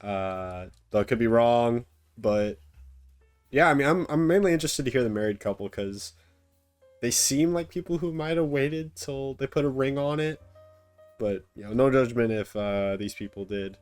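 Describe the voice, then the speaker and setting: A man's voice: medium pitch, lively intonation, moderate pace, clear, resonant tone, faint music behind. A young man commenting casually on a video he is watching, thinking aloud with many hesitations. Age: young adult. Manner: musing, hesitant, many fillers. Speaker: reaction video host. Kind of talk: casual commentary over a clip.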